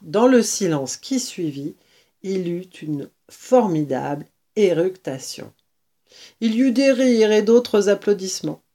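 A woman reading a children's storybook aloud in slow, measured narration. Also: medium pitch, animated, dark tone.

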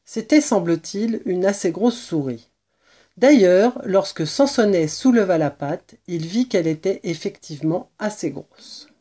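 A woman narrating a children's novel as an audiobook, in a gentle, measured storytelling voice. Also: lowish voice, expressive.

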